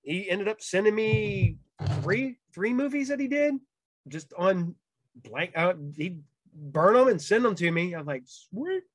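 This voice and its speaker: A man with a high-pitched voice tells long, rambling stories in a relaxed podcast chat. He talks with many fillers and little laughs. The recording is close and dry, with no room sound. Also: a little slow, no echo. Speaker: podcast host. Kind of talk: casual storytelling chat.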